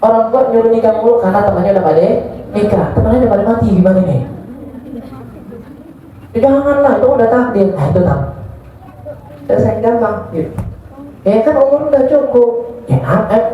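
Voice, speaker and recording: Fast-talking joking ustaz in an echoey hall. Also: male voice, very high-pitched, lively intonation, a little hiss or hum. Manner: joking, colloquial, reads out audience questions. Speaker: ustaz answering questions. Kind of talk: informal religious study Q&A. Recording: distant, muffled, echoey room.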